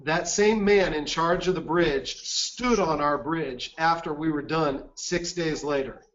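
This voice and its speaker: A man giving a seminar presentation, telling a mission-trip story in an earnest, measured way. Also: fairly high pitch, a bit bright, highs cut off. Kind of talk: webinar presentation with anecdote.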